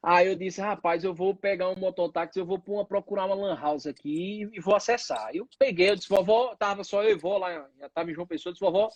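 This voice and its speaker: A man's voice: high-pitched, fast, hardly any pauses, no room sound, dull audio. Northeastern guy in his 30s, acts out all the voices, dry close sound. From Northeast Brazil. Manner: animated storyteller acting out quoted voices. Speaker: pediatrician guest. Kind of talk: storytelling in an interview.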